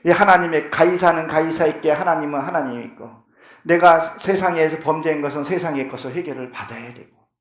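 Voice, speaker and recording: A man's voice: on the high side, a little fast. A middle-aged male pastor preaching a sermon in a church, fervent and at times pleading. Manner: fervent, rising to impassioned pleading in prayers. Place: church sanctuary. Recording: echoey church hall.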